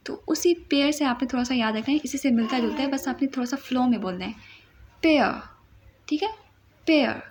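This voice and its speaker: A woman teaching English words in a playful way, repeating each word slowly so it can be copied. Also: sits high, darkish tone. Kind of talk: vocabulary lesson.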